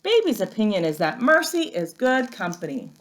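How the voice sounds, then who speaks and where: Speaking at a moderate pace in a mid-range voice, a woman first-grade teacher leads young children through an expressive, instructive read-aloud lesson.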